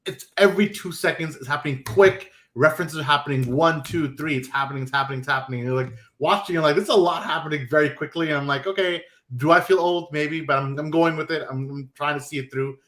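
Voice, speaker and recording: A man hosting a podcast and chatting casually, animated and quick, with many restarts. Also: a little high. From New York. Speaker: podcast host. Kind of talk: casual chat.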